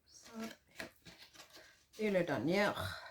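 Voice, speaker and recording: A woman's voice: on the low side, sing-song, extremely slow, slight background noise. A middle-aged woman with a noticeable regional French accent, chatting through a papercraft tutorial with lots of fillers and hesitations. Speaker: papercraft demonstrator. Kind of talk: casual craft tutorial.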